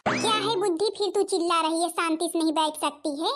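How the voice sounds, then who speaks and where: A woman voicing an angry, sharp-tongued young daughter-in-law in a cartoon, scolding and snapping. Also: very high-pitched, fairly quick, faint music behind. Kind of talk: Hindi cartoon voice acting.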